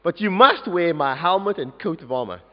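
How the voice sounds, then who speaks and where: A man's voice: on the high side, animated, moderate pace, pitched below the performer's own voice, lightly acted. A man reading as a doubtful old king. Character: tall worried king, doubtful. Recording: dull echoey church recording.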